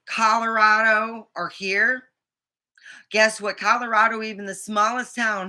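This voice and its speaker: A woman's voice: mid-range voice, bright, forceful tone. A middle-aged American woman chatting casually to the camera in a rambling, blunt way with plenty of swearing. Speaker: vlogger.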